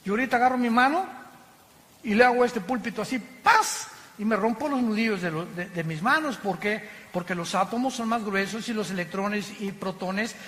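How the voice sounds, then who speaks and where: A man preaching a passionate sermon from the pulpit, with sudden loud exclamations. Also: sits high, a little fast. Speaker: pastor. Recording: long hall reverb.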